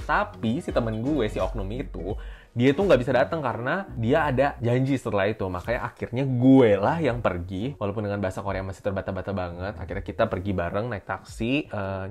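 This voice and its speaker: A young man from Indonesia telling fan stories in a chatty vlog, often calling out to his viewers. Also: on the low side. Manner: chatty, addresses viewers as "guys". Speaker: vlogger. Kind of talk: casual storytelling to camera.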